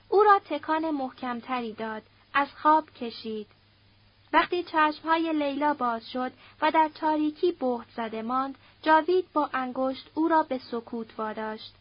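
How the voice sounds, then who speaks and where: High-voiced woman narrating a novel. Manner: measured storytelling. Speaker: audiobook narrator. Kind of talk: scripted literary narration. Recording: dull lo-fi recording.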